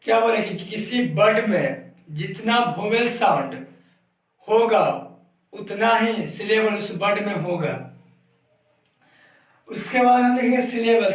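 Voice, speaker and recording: Guy teaching a class, far off the mic, slow repetitive dictation, high voice. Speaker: coaching teacher. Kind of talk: classroom lesson. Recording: very echoey room, far from mic.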